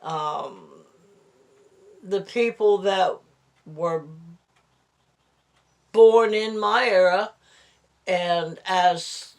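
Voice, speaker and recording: A woman of about eighty talking casually and haltingly in a personal vlog, her lips over her gums with few teeth, slightly slurring her words. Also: fairly low pitch. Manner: slow, halting, rambling delivery. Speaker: vlogger.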